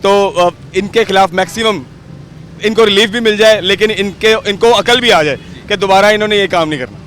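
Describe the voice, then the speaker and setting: A male street reporter with a Pakistani Urdu accent presses people with probing questions beside a busy road. His voice sits high for a man, with faint traffic noise around him. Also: a little fast, fairly bright tone. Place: roadside outdoors in city traffic.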